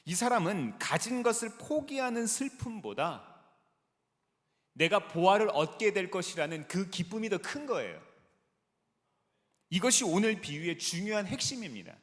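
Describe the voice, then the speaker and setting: Lively male pastor in a reverberant sanctuary. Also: a little high. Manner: lively preaching with rhetorical questions to the congregation. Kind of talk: sermon. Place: large church sanctuary. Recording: long reverb of a large sanctuary.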